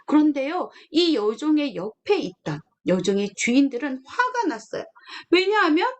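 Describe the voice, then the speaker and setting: A woman's voice: high voice, big pitch swings, normal speed. A young woman preaching a children's sermon. She asks the children questions and acts out the voices in her stories.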